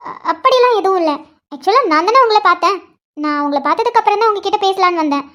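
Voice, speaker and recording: A woman voicing a caring young woman who asks a friend probing, gently persistent questions in a cartoon. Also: very high voice, animated, quick pace. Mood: curious.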